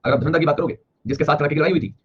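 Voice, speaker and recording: A man with an Indian accent gives a classroom history lecture in a blend of Hindi and English, explaining quickly and repeating himself, then slowing down when he reads English lines aloud. His voice is slightly high with a breathy edge. The recording is dull and lo-fi, with faint classroom ambience.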